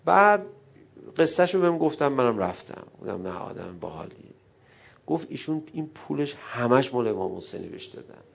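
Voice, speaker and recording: A middle-aged man preaching a sermon, emotive, dropping to a hush and rising loud as he acts out quoted dialogue. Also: mid-range voice, big pitch swings, gravelly, dull audio, a little hiss or hum. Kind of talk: religious sermon.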